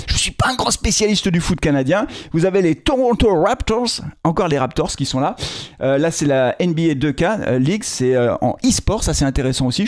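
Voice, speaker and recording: Male video commentator, casual and jokey, talking straight to his viewers; bright, expressive delivery in a dry booth. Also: mid-range voice, dry recording. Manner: chatty and joking, addresses viewers directly; frequent fillers and restarts. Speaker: football club video commentator.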